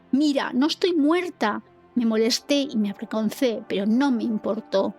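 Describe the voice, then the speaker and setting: A woman giving an earnest, dramatic first-person narration of a story, with a breathy voice. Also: on the high side, a little mellow.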